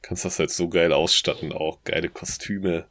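A relaxed man with a very low voice drops brief, slangy remarks of agreement into a podcast conversation. He keeps his comments short and easygoing. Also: normal speed, crowd noise. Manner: laid-back, brief backchannel remarks with slang. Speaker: podcast co-host. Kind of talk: casual chat, short agreeing interjections.

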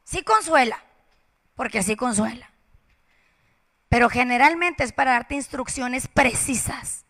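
A woman preaching a passionate sermon, swinging from loud exhortation to hushed whispers. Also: high-pitched, unhurried. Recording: reverberant hall.

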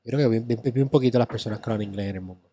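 Chatty podcast host. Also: male voice, mid-range voice, rapid-fire, dark tone, a little hiss or hum. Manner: conversational, chimes in often. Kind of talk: casual interview chat.

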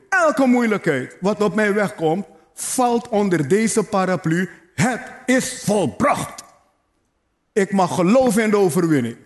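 A man with a high voice preaches a sermon to a congregation. He drives his points home through repetition and calls out to the listeners, mixing in playful asides. His pitch sits well above most men's. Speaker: pastor.

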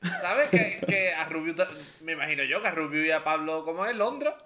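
High, bright teasing man. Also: lively intonation, a little fast. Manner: teasing, laughs a lot. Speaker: podcast co-host. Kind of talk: casual banter.

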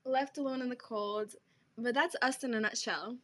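A young woman co-hosting a podcast, telling animated, profane stories in casual chat with her friend. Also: on the high side, moderate pace. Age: young adult. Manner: animated storytelling, swearing, laughing often. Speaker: podcast co-host.

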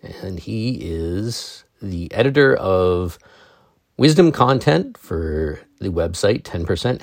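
A man hosting a meditation talk show, reading an article aloud in a calm, measured way, then adding his own gently wry remarks. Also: deep voice, dry recording, studio quality. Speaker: meditation podcast host.

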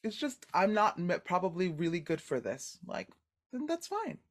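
A deep-voiced woman, an actor appearing as a guest in a casual podcast interview, tells stories animatedly and expressively at a moderate pace, laughing often.

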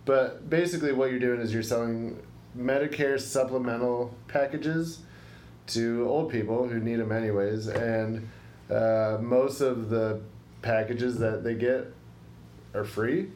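A man's voice: mid-range voice, fairly even intonation, a little slow, a little mellow. A young man co-hosting a podcast, chatting casually in a rambling, hesitant way with lots of fillers. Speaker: podcast co-host. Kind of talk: casual chat. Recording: roomy room, faint hiss.

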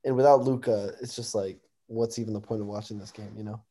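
A man's voice: fairly low pitch, fairly even intonation, fast talker, mellow. A young American man co-hosting a sports talk, casually giving predictions on games.

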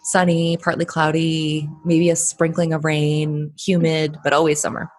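A woman's voice: low voice, completely flat delivery, a little slow, slight background noise. A woman from Connecticut, a guest on a casual podcast, confident and matter-of-fact with dry humor.

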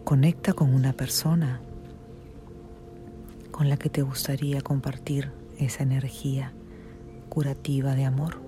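Super slow soothing meditation voice, sleep story narrator vibe, hushed, mid pitch, music under it. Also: level tone. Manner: soothing, hushed, with long pauses. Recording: music behind the voice.

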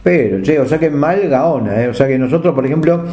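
Deadpan man in echoey room. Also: a little high, brisk. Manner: deadpan absurd humor. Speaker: podcast co-host. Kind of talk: casual banter. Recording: echoey room with faint noise.

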